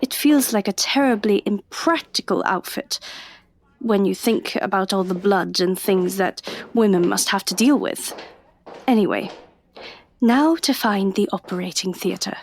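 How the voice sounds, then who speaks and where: An actress with a natural, medium-pitched voice and measured pace plays a wry young undercover policewoman posing as a nurse, confiding in the listener. It's an audio drama with first-person narration and dialogue, and there's a slight hiss or hum.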